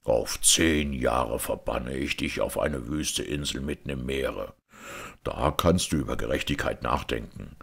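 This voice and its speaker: A man voicing a stern, just caliph in a fairy-tale reading, speaking low and measured. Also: gravelly, husky, exaggerated voice. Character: stern, just male caliph, grave authority.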